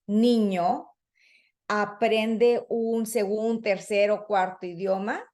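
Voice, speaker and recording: An early childhood educator and trainer gives a conversational professional development talk to teachers, using fillers and acting out both children and teachers. Her voice is medium in pitch and a little mellow.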